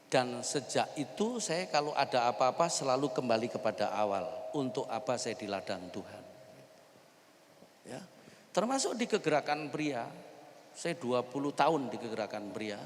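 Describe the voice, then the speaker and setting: A middle-aged male pastor, preaching a sermon in a church and telling his stories in an animated way. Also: medium pitch, normal speed. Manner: animated storyteller, plays out voices in his anecdotes. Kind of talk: sermon with personal storytelling. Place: church during an Easter service. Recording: church hall reverb, faint background noise.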